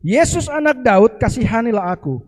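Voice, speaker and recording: A man voicing a blind male beggar, crying out loudly for mercy. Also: very high-pitched, very animated, moderate pace, in a large hall, heavily acted. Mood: pleading. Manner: loud pleading cries.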